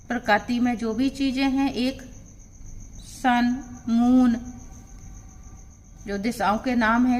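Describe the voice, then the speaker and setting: A woman teacher giving an exam-prep grammar lesson, explaining the rules step by step and reading example sentences aloud. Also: a little high.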